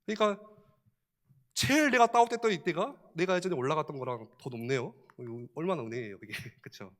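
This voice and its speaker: Korean church pastor guy, high voice, lots of questions, chuckles a bunch, preaching. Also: animated, fairly quick. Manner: conversational preaching with rhetorical questions; chuckles often while preaching. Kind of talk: sermon.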